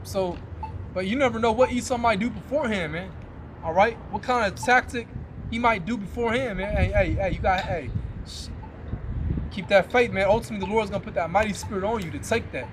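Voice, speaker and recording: A man reading scripture aloud slowly and then preaching in casual slang, calling his listeners "man" again and again, outdoors near traffic. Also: sits high. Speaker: street preacher. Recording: loud street and car noise.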